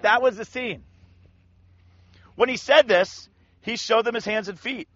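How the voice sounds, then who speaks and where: Male Bible teacher, casual and animated, high voice, muffled lo-fi recording. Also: measured pace, no echo. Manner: animated, acts out scripture in slangy voices. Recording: dull lo-fi sound.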